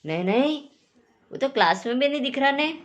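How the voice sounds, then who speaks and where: A woman's voice: sits high, animated, a little fast, muffled recording. A woman voicing a fussy, easily offended male village schoolteacher who speaks primly and complains. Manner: prim, complaining.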